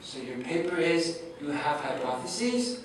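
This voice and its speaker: A man's voice: fairly high pitch, big pitch swings, measured pace, background noise. A man whose first language is French gives a humorous academic lecture and keeps asking his audience rhetorical questions. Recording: echoey hall, distant mic, faint ambience.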